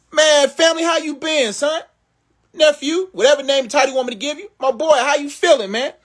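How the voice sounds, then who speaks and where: A high-pitched man preaches and motivates viewers during a live social media Q&A. He speaks to them like family, with a rhythmic, sermon-like flow.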